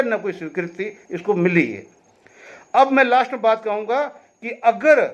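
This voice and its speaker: A man with a very high voice offers direct commentary on veterans' affairs, speaking emphatically to his listeners. He explains, pleads with them, and keeps repeating a tag question as he goes, all on dull-sounding audio.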